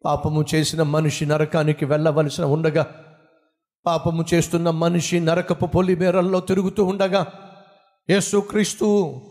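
A man's voice: fairly high pitch, level tone, normal speed, a little mellow, in a large hall. A man preaching a sermon, speaking emphatically, piling up repeated lists and addressing the listener directly. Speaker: pastor.

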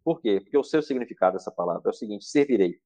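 A man's voice: lowish voice, expressive, racing, warm tone, no room sound. A man talking as a therapist guest on a podcast, urging listeners in a fervent, preacher-like way. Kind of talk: earnest podcast talk.

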